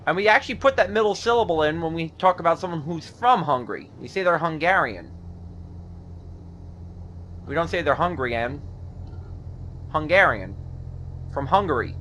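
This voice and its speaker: A man hosts a relaxed let's play, talking over his driving with a steady stream of puns and asides. His voice sits a little above the usual male range, and a faint hum of noise lies under the recording. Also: fairly high pitch, moderate pace, pauses often. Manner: jokey, punning, chatty. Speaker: gaming video host. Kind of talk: casual let's play commentary.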